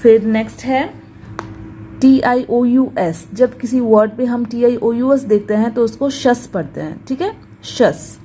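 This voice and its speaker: A woman with a Hindi accent teaching English pronunciation in a video lesson, talking slowly and carefully, repeating words for drilling. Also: a little high, warm tone, a little hiss or hum, low-quality recording.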